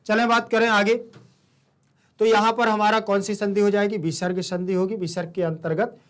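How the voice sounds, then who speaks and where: A man's voice: sits high, flat delivery, moderate pace, smooth. A male teacher giving a classroom lecture, who asks his students questions and then answers them himself. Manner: calls listeners "beta".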